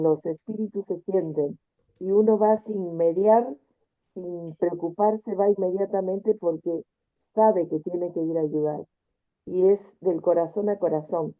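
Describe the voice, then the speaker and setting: A woman earnestly sharing a personal story on a group video call, reflective and pausing often to find her words. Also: medium pitch. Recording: narrow phone-like video call audio.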